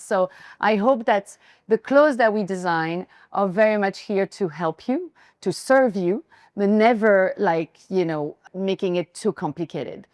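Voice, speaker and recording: A woman's voice: mid-range voice, a little mellow, no room sound, clean studio sound. French-accented woman giving a chatty welcome. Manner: chatty, self-deprecating, searching for words. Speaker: brand founder hosting a styling session. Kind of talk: informal welcome speech to guests.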